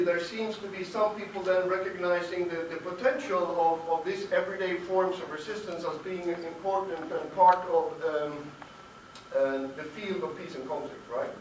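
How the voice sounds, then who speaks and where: A male academic panelist giving a hesitant roundtable talk full of fillers. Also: high voice. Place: conference room. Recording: echoey room, distant mic, faint noise.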